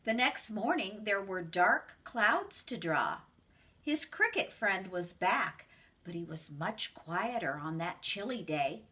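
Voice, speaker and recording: A preschool teacher, a woman with a medium-pitched voice, reads a picture book aloud to children. She uses a slow, expressive storytelling voice.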